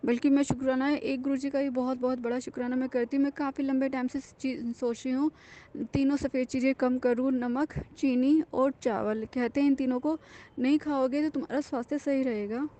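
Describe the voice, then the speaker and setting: High, mellow-voiced woman giving earnest thanks. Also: flat delivery, a little fast, muffled recording. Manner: earnest, confiding, with frequent fillers and restarts. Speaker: devotee sharing a testimony. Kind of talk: personal devotional testimony, casual.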